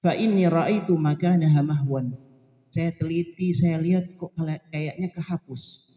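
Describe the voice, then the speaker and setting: A man's voice: on the high side, fairly even intonation, normal speed, warm tone. A male preacher giving a religious study lecture, reading Arabic passages aloud and then explaining them in a casual storytelling way. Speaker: Islamic preacher. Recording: echoey, dull lo-fi hall recording.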